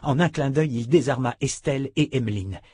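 A man reading a dramatic novel aloud as narrator, with a steady narration. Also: medium pitch, fairly quick, husky, no echo. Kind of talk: scripted audiobook narration.

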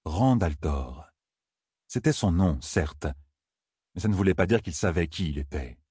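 Very deep, husky male narrator. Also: animated, measured pace, warm tone, dry recording, studio quality. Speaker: audiobook narrator. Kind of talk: scripted narration of a fantasy novel.

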